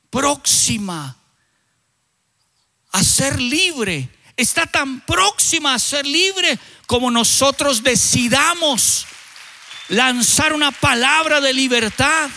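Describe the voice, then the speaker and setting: High, bright-voiced Colombian-born preacher. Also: male voice, big-room sound. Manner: vivid storyteller, halting restarts, sudden loud bursts. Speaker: pastor. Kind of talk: sermon with a dramatic story.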